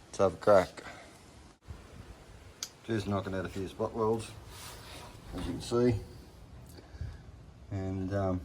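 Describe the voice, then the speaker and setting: A man's voice: deep voice, fairly even intonation, slow, pauses often, background noise. A man with a broad Australian accent giving laconic, slangy, off-the-cuff commentary in a casual workshop vlog. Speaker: hobby car restorer presenting progress videos.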